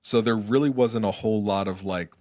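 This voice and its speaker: A young man with a lowish voice talks as a podcast guest, relaxed and reflective, often restarting his sentences. He was raised between Germany and Arizona. The sound is dry and close, with no room around it. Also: brisk, no room sound. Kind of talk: casual interview conversation.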